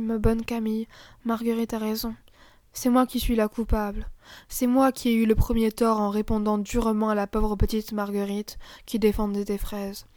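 A woman's voice: on the high side, a little mellow, no echo, studio quality, lightly acted. A woman voicing a remorseful young girl who pleads through her tears. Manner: pleading, tearful. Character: remorseful unhappy young girl, quick-tempered.

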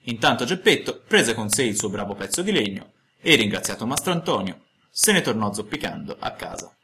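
Lively, bright-voiced male storyteller. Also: medium pitch, fairly quick. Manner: expressive, storytelling cadence. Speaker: narrator. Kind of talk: audiobook reading of a classic tale.

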